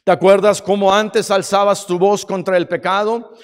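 A man with a high-pitched voice preaches with insistent, repetitive emphasis. He often stumbles and restarts words. His voice rings out through a reverberant hall. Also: flat delivery, moderate pace. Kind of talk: sermon.

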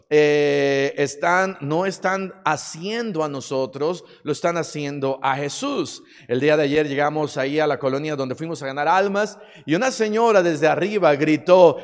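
Man, sermon, high pitch, impassioned, hesitant. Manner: impassioned, many hesitations and fillers. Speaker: pastor. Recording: long hall reverb.

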